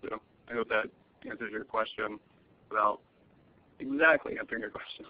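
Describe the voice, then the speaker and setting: A lawyer presenting a webinar, a man with an American accent, answers audience questions cautiously in a lowish voice at a steady tone and moderate pace. He uses many fillers and restarts, and the webinar audio is muffled and lo-fi.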